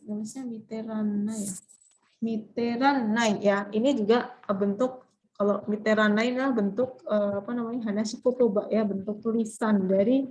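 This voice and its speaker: A woman's voice: on the high side, darkish tone, rough recording. A woman teaching Japanese grammar in an online class, explaining patiently and calling on students to read.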